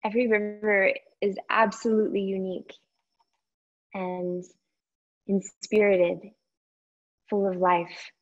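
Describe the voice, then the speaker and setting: Speaking slowly and gently in a mid-pitched voice, a female yoga teacher leads a meditation, leaving long pauses between short phrases. Her delivery is flat, and the recording sounds somewhat muffled and lo-fi.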